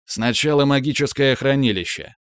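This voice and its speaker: A man's voice: mid-range voice, moderate pace, a bit bright, clean tone, no echo, voice pushed up, lightly acted. A man voicing a harsh, bossy young male fighter who barks orders in an audiobook. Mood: snarling. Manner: curt, barking orders. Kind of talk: audiobook character voice.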